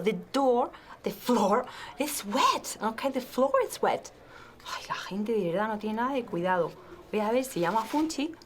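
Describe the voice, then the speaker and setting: A woman's voice: on the high side, a little hiss or hum. A woman with a Spanish accent in a comic TV English lesson sketch, fussing and sighing in exasperation. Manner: fussy, exasperated sighs. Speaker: English teacher.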